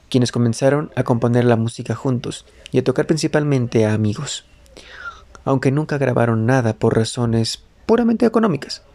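Dark-voiced man reading a first-person life story. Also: medium pitch. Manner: halting, phrase-by-phrase reading with self-corrections. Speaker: narrator. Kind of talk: first-person biographical narration.

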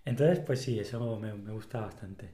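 A man's voice: on the low side, normal speed, a crowd in the background. A man from Spain, hosting a casual podcast chat and explaining things at length, often restarting his phrases. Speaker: podcast host. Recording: echoey room.

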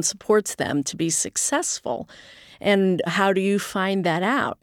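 A woman's voice: lowish voice, gravelly, no room sound, clean studio sound. A woman in her sixties, a guest on an interview, explaining things earnestly in a conversational way. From United States. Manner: earnest and explanatory, with occasional laughs. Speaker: nonprofit chief executive, guest.

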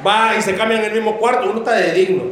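A man preaching a sermon in a church, animated and joking, acting out comic voices of his congregation. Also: high voice, fast, crowd noise. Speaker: pastor. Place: church sanctuary. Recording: very echoey church hall.

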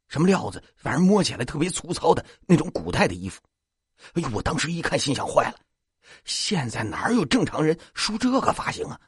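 A man's voice: mid-range voice, slightly rough, dry recording, clean studio sound, pitched above the performer's own voice. A man voicing a jittery young man who stammers and repeats his words, scared at first and then boastful.

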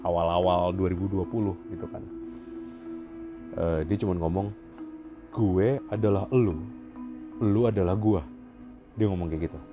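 A man telling a personal story in an animated way, repeating phrases for emphasis. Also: on the low side. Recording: lo-fi audio with music bed.

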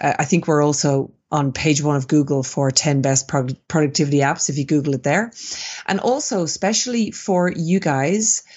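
A woman's voice: low-pitched, a little mellow, highs cut off. A woman with an Irish accent, a business founder talking as a guest on a podcast interview, upbeat and conversational as she gives practical tips. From Ireland.

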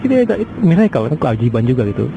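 A man's voice: mid-range voice, big pitch swings, very fast, gravelly, narrow, tinny audio, over music. A man in his twenties talking through a casual personal podcast monologue, rambling and hesitant with many fillers and restarts. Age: 20s. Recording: outdoor traffic noise behind.

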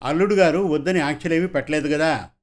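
A man's voice: a little high, fast, natural voice. A man voicing a caring, talkative elderly mother fussing over her married daughter.

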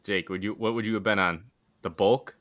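A man's voice: fairly low pitch, fairly even intonation, brisk, a bit bright. A man co-hosting a podcast, asking easygoing questions and recalling old games. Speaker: podcast co-host. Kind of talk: casual podcast chat.

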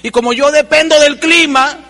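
A man giving an animated seminar talk as a motivational speaker, acting out little dialogues with humor. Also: very high voice, moderate pace. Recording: long hall reverb.

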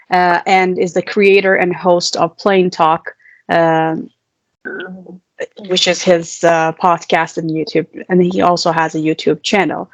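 A woman hosting a podcast interview, asking questions in a hesitant, halting way. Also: on the low side, dry recording, dull audio. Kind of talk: conversational interview.

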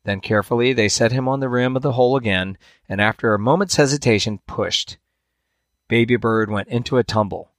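A man hosts a podcast and reads a fable aloud, telling it at a measured storyteller's pace. His voice sits at a middle pitch and rises and drops sharply for the drama of the tale. The sound is close and dry. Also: dry recording. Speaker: podcast host.

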